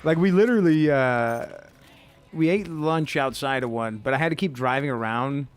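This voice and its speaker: A man's voice: mid-range voice, moderate pace, clean tone. A young man from the United States casually talking with viewers while playing a game, laid-back and cursing often. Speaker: streamer. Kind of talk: casual gameplay commentary.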